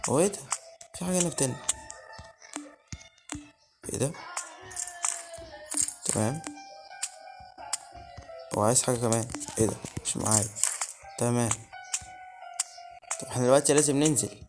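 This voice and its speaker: A man's voice: mid-range voice, a little fast, long pauses. An Egyptian man giving let's play commentary on a horror game, muttering nervously and breaking into sudden yelps. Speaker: gaming channel host. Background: game music.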